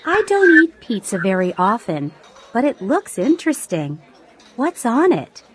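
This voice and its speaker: A woman voicing a young woman in a textbook audio dialogue who is picky about food, speaking clearly and expressively. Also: on the high side, sing-song, slow, noisy background. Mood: doubtful.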